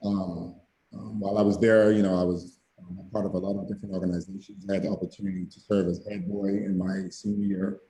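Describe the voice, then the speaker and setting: A man's voice: deep voice, fast talker, echoey room, slight background noise, poor audio. A man from the Bahamas with a Bahamian accent, talking casually about his background as a guest presenter, with plenty of fillers. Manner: relaxed, with frequent fillers. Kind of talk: casual personal background talk.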